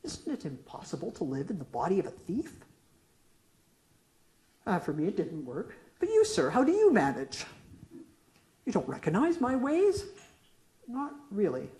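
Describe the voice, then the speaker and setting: Her pitch swoops wildly around a mid-range center as she reads, at normal speed with long pauses and a dark tone. The middle-aged poet is performing her own question-and-answer poem and chatting casually between pieces before an audience in an echoey lecture room.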